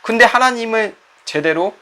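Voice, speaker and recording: A man's voice: high-pitched, expressive, normal speed, pushed and bright, smooth. A middle-aged man, a pastor, giving a conversational sermon that acts out quoted voices and puts questions to the listeners.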